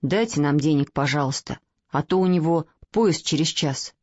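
A woman's voice: deep voice, normal speed, darkish tone, no room sound, pitched below the performer's own voice. A woman voicing a young boy who mumbles hesitantly and sullenly. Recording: dry, slightly dull recording.

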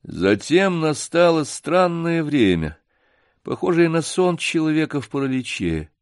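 A man narrating a story in a measured, expressive audiobook reading. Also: a little high, dry recording, clean studio sound.

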